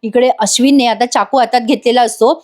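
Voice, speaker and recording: High-voiced woman recapping a tv serial. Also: steady tone, a little fast, a little mellow. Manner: chatty, addresses viewers directly. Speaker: tv serial reviewer. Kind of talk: voice-over episode recap.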